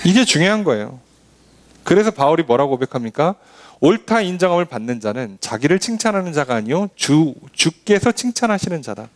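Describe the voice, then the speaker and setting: Lively Korean-preaching male pastor. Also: on the high side, a little fast. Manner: lively preaching, acting out boastful voices with scoffing clicks. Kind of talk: sermon.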